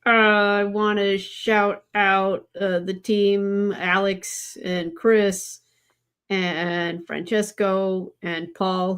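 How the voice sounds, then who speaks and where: A warm, chatty woman appears as a guest on a podcast. Her voice sits at an ordinary middle pitch. She talks easily and personally. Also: smooth. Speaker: guest, comics creative consultant. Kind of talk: casual podcast chat.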